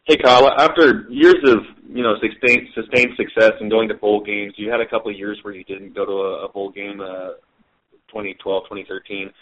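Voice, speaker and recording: A man, a sports reporter, asking halting questions on a press call. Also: fairly low pitch, fairly even intonation, a bit bright, highs cut off.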